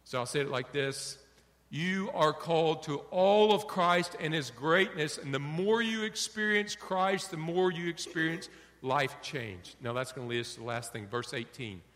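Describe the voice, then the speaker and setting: A middle-aged man preaches with a bright, ringing voice, pitched a little high for a man. His sermon is animated, slipping into acted-out exchanges. A long reverb trails each phrase, as in a church sanctuary. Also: normal speed. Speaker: pastor.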